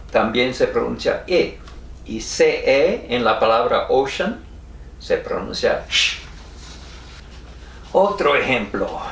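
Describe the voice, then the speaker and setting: A man with an American accent explains spelling at an unhurried pace, spelling each letter out one by one. He sits back from the mic, so his voice sounds distant, and the room around him echoes. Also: medium pitch, a little hiss or hum. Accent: American English. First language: English. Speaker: teacher.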